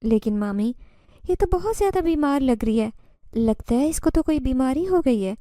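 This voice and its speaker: A woman's voice: sits high, expressive, warm tone, no echo, clean studio sound. A woman voicing a young niece who speaks bluntly and with worry. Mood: worried.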